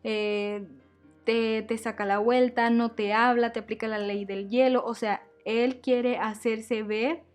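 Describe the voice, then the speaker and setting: A woman's voice: fairly high pitch, steady tone, takes it slowly, faint music behind. A woman giving a devotional teaching to women, earnest and repeating her key phrases as she addresses her listeners as sisters.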